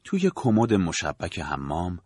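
A man narrating an audiobook in a measured, dramatic storytelling manner. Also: deep voice, wildly swooping pitch, a little mellow, breathy edge, no echo, clean studio sound.

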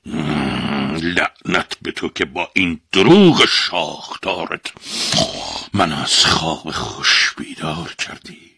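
A man's voice: very deep voice, pushed and bright, slightly rough, no echo, studio quality, voice pushed down, heavily acted. A man voicing a huge, sleepy, short-tempered demon who growls and curses in a storybook tale. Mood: irritated. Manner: growling, cursing.

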